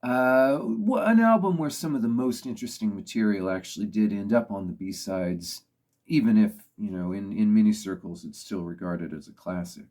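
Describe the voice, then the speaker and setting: Thoughtful and easygoing, a man reviewing music talks through what he thinks of various songs, peppering his remarks with "you know." His voice is fairly low and a little mellow, at a moderate pace.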